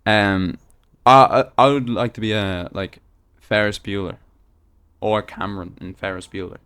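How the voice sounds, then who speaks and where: Laid-back young man, low voice. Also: fairly even intonation, normal speed, fairly bright tone, clear, resonant tone. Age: 20s. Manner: laid-back, laughing, trails off with fillers. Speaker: podcast guest. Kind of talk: casual chat.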